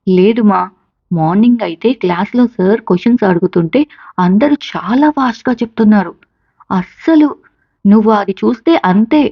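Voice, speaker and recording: A woman's voice: medium pitch, moderate pace, gravelly, husky, no room sound, muffled recording. A woman voicing a young male college student who doubts himself but grows eager. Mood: doubtful.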